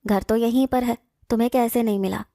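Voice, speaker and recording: A woman's voice: fairly high pitch, fairly even intonation, warm tone, no echo, studio quality, natural voice. A woman voicing a carefree young man in a storybook tale, teasing and brushing off worries. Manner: teasing, laughing off worry.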